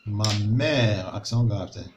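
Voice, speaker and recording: A man teaching a recorded lesson in Moroccan Arabic. He repeats words slowly and carefully, then explains them in Arabic. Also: lowish voice, muffled recording, background noise. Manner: slow, drawn-out word repetition. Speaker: primary school teacher.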